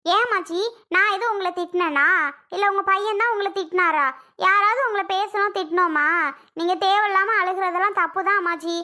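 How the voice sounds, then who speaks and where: A woman playing a young cartoon daughter-in-law who coaxes and questions. Her voice is very high and bright, with a reasoning tone. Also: a little fast. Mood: coaxing. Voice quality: coaxing, questioning. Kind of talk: animated cartoon voice acting.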